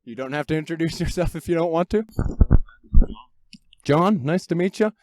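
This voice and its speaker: A man's voice: on the high side, animated, moderate pace, a little mellow, no room sound. Male host, casual, recording from his car, dry close sound. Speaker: podcast host. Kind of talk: casual chat. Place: parked car in a grocery store lot.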